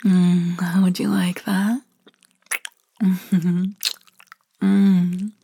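A woman in an intimate ASMR roleplay, speaking in a soft murmuring whisper with hums and sighs. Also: on the low side, little pitch movement, extremely slow, vocal fry, slight background noise. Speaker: roleplay narrator.

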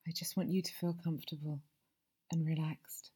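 A woman performing an ASMR audio roleplay as a masseuse, talking softly and soothingly and often slipping into whispers. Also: low-pitched, level tone, moderate pace, slightly rough.

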